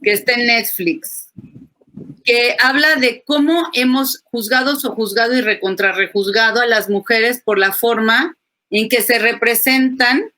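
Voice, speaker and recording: A woman speaks on a webinar panel as a psychoanalyst. Her voice is bright and a little high. She talks animatedly and acts out the phrases she quotes. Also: a little slow.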